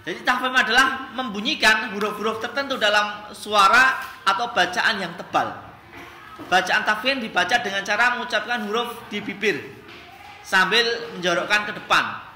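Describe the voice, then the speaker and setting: A man teaching a classroom lesson on Quran recitation, drilling the class with quick questions. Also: high voice, pushed and bright, slight background noise. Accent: Indonesian. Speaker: religious studies teacher. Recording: echoey classroom.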